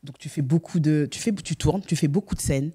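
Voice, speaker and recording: A man hosting a podcast interview, agreeable and quick to affirm his guest. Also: on the high side, dark tone, slightly rough. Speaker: podcast host. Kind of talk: casual interview.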